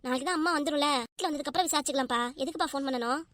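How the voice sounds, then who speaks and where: A woman's voice: sits high, racing, a bit bright, no echo, studio quality. A woman voicing a young adult daughter in a cartoon, pleading with her angry father and then defying him. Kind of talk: cartoon voice acting.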